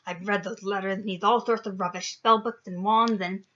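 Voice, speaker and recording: A woman voicing a blustering, bullying middle-aged uncle who hisses and shouts angrily, in a dull lo-fi recording. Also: mid-range voice, steady tone, moderate pace, natural voice. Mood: furious. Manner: shouting, hissing anger.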